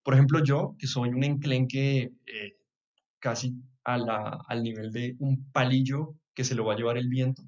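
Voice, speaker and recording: A man's voice: mid-range voice, fairly even intonation, moderate pace. Thoughtful Bogotá man, slightly muffled sound. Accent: Bogotá Colombian Spanish. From Bogotá, Colombia. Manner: reflective, chuckles often, trails off with soft asides. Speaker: podcast guest. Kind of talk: casual chat.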